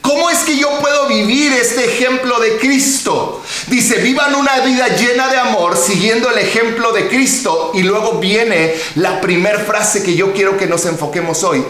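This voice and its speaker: A man preaching a sermon as pastor, emphatic, with rhetorical questions and drawn-out words. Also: high-pitched, fairly bright tone. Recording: very echoey hall.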